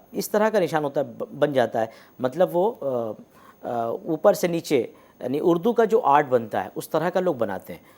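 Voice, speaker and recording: Male lecturer, animated intonation, patient and halting delivery. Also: fairly high pitch. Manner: explains slowly with many hesitations and demonstrated sounds. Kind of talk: academic lecture on script and pronunciation.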